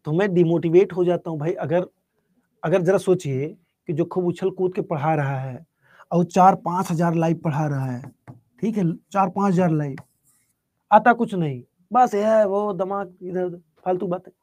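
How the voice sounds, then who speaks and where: A man teaching a live online exam-prep class, speaking softly and unhurriedly while answering students' chat questions. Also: high-pitched, no echo. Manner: soft-spoken, calm and unhurried.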